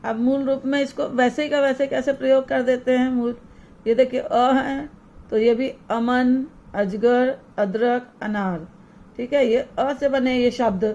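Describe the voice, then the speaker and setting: A woman teacher giving an online class lesson to young children, slowly and deliberately spelling out example words one by one. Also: high-pitched, steady tone, warm tone, muffled recording.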